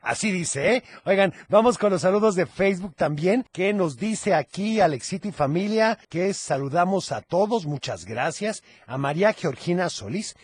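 Mexican guy on a kids radio show, husky, super bouncy, teasing and playful. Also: sits high, animated, normal speed, hardly any pauses. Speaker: children's radio host. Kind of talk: lively kids' radio chat.

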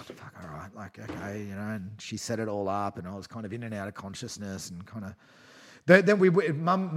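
A man in his thirties telling a personal story as a guest, rambling with frequent swearing and laughs. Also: medium pitch. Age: 30s. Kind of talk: casual storytelling.

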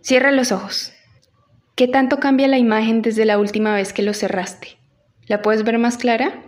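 In this audio lesson, an acting teacher steers the listener through an exercise, giving them direct instructions and asking reflective questions. She speaks at a normal speed. Her tone stays steady and her voice is on the high side.

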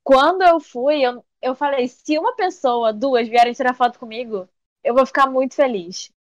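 Young woman, high voice, casual interview guest, animated storyteller, dry close recording. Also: moderate pace, no room sound, dull audio. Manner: animated storyteller who acts out quoted voices and says "tipo" often. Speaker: TikTok creator guest.

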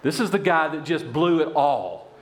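A man preaching a sermon in a church, telling a parable with animated voices for its characters. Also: fairly high pitch, normal speed, reverberant. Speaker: pastor.

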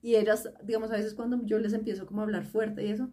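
A woman's voice: mid-range voice, fast, distant mic. Woman, a bit off-mic. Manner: animated, quotes others, laughs often. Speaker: podcast co-host. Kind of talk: casual podcast chat.

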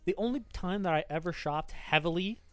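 A podcast co-host in casual chat, laid-back and halting, often restarting phrases and saying "dude.". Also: medium pitch, a bit bright, dry recording.

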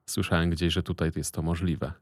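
A man's voice: low-pitched, little pitch movement, brisk, darkish tone, dry recording, clean studio sound, close to an everyday voice. A man voicing a sleazy, embarrassed older man who talks in a wheedling, hesitant way in a storybook reading.

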